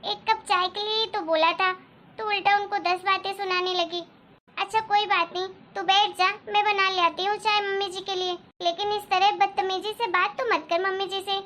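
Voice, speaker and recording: A woman's voice: very high voice, fairly even intonation, moderate pace, bright, forceful tone, slight background noise. A woman voicing a sensible elder daughter-in-law who reassures and soothes in a cartoon story. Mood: chiding. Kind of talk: Hindi cartoon story dialogue.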